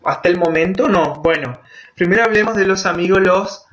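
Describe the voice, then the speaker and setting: A man teaching a grammar lesson, explaining step by step and slowing down to spell out example words. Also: high voice, a crowd in the background. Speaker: Spanish teacher. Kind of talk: grammar lesson for Portuguese speakers.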